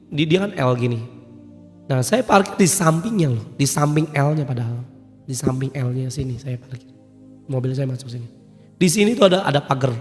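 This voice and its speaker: A male preacher, telling a personal story in a casual sermon, swinging from loud emphatic peaks to quiet asides. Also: medium pitch. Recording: long hall reverb, soft music behind.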